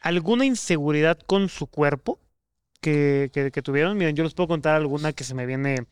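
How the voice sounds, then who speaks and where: A man's voice: on the high side, moderate pace, clean tone, no room sound. A young man with a Mexican Spanish accent, a podcast co-host who chats casually, telling stories in a friendly, slightly hesitant way. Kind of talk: casual chat.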